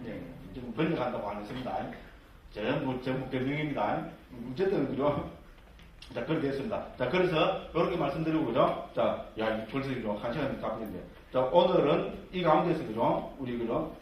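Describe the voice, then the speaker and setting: A man's voice: mid-range voice, animated, brisk, muffled recording. A man teaching Buddhist scripture to lay believers, constantly checking in with tag questions and rhetorical questions and slipping in jokey asides. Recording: very echoey hall, mic far off.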